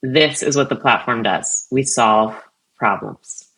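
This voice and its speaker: A woman guest speaks on a business podcast in a bright, pressing tone. She talks in energetic, emphatic bursts and leans hard on key words. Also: very deep voice, takes it slowly, breathy edge, rough recording. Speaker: guest, CRM vice president. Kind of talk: podcast interview.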